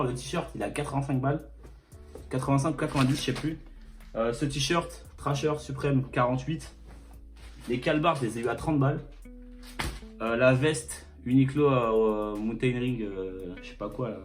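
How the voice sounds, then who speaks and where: A young man from France telling a story and showing a clothing haul, crude and joking, filming himself on a phone indoors. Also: mid-range voice. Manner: crude, joking, rambling with fillers. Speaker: vlogger. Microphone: phone camera.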